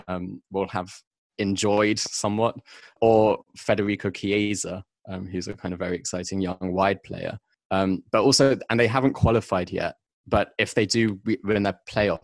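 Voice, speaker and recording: Male podcaster, very deep voice, hedges his picks, dry close recording. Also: no echo. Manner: thoughtful, hedging, many ums. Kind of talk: casual football chat.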